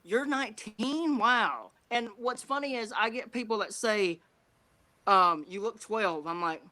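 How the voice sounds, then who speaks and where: Bright-voiced teenage man with drawl. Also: high voice, measured pace. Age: teens. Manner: chatty, self-deprecating, repeats phrases. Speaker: guest streamer. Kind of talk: casual livestream chat.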